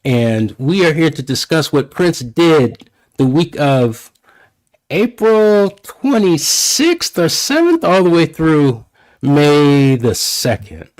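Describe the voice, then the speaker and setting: A man's voice: a little high, very animated, takes it slowly, a little mellow, poor audio. Man guest-hosting a casual music talk stream, easygoing and chatty. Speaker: fill-in host. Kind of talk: casual podcast chat.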